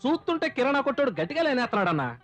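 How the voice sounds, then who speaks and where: A man's voice: extremely high pitch, faint music behind, exaggerated voice. An actor playing a chatty, fussy village barber who gossips with his customers. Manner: chatty, quick, lively.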